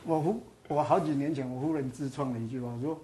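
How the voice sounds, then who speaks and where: A man in his fifties with a Taiwanese Mandarin accent, speaking shyly and haltingly as an interview guest. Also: medium pitch, warm tone. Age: 50s. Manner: shy, halting, stammers when emotional.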